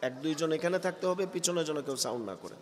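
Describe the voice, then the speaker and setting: Preaching a sermon at a religious gathering while suffering from a cold, a man with a fairly high voice speaks fast and animatedly, with big-room sound. He quizzes the crowd and builds to loud, emphatic peaks.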